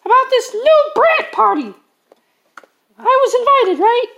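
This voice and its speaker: A woman's voice: very high voice, very animated, measured pace, vocal fry, a bit bright, lo-fi sound, pitched above the performer's own voice, heavily acted. A woman voicing a chirpy, nosy young female party guest in an improvised story, eager and exclamatory. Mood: eager, curious.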